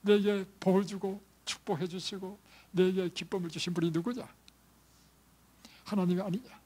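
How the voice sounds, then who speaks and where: A man preaching a sermon who swings from hushed, whispered lines to loud, emphatic calls. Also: high-pitched, steady tone, normal speed, breathy edge. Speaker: pastor.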